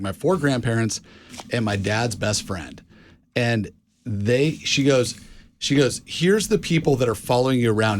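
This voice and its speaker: A man co-hosting a casual talk show, telling a story in a rambling way, full of fillers and restarts. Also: medium pitch. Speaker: co-host.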